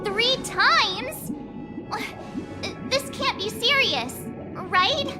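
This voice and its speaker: A woman's voice: very high-pitched, expressive, extremely slow, loud music behind the voice, full character voice. A woman voicing a small, innocent, anxious childlike companion in a video game, with a plaintive questioning manner. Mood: worried, disbelieving. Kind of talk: cute video game character acting.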